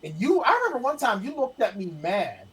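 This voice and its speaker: Middle-aged man, husky voice with a swinging pitch, a lively storyteller in casual chat. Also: brisk, rough recording. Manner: animated storyteller, acts out quotes. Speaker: guest, the host's father.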